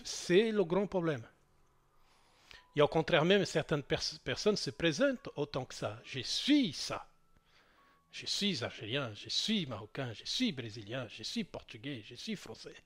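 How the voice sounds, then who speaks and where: A man giving an unscripted spiritual monologue, talking hesitantly with many restarts and fillers and long spoken lists. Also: mid-range voice. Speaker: spiritual speaker.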